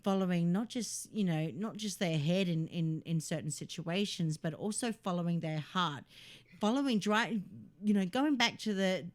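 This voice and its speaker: A woman's voice: lowish voice, normal speed. A woman with an American regional accent co-hosting live radio in casual chat, laughing often and talking expressively. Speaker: radio show co-host.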